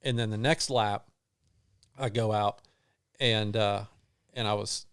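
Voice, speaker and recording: A middle-aged man, a guest on an interview show, telling a long personal story in a halting way, with many restarts and fillers. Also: fairly low pitch, steady tone, a bit bright, clean tone. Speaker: guest runner.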